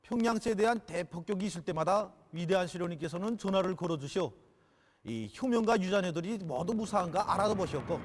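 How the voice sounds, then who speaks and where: A man's voice: sits high, a little hiss or hum. A man with a North Korean accent giving a solemn, reverent scripted oration in a declamatory manner. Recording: loud music under voice.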